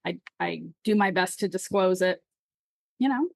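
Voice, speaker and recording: A woman's voice: lowish voice, normal speed, creaky, no echo. Friendly woman guest, dry sound. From California. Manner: friendly, agreeable, lots of "yes, yes". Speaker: guest seller. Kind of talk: casual chat on a podcast.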